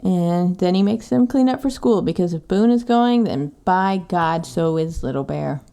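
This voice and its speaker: A woman from Texas, chatting through a book recap in a casual podcast. Her voice is mellow and dark, and she swears freely and sarcastically. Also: fairly low pitch, animated, normal speed, gravelly, smooth. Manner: profane, sarcastic. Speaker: podcast co-host.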